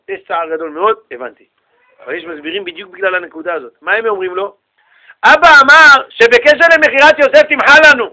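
A man teaching a Torah lesson to students in an animated way, asking them questions and acting out the people in the story. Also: a little high. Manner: animated, asks his listeners questions and acts out the people in the story.

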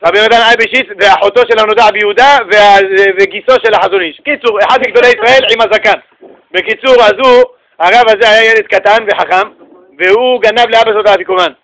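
A rabbi giving a lively, humorous religious lesson, telling stories and joking with his listeners. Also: high voice, rough recording. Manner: animated, joking storyteller addressing the audience.

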